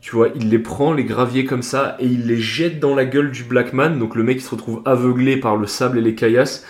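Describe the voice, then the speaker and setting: A young man recounts a tale in loose, slangy talk, animated and full of "euh" fillers. His voice sits in a middle pitch, and the recording has a roomy echo around it. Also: a little fast. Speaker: podcast host. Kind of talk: casual storytelling.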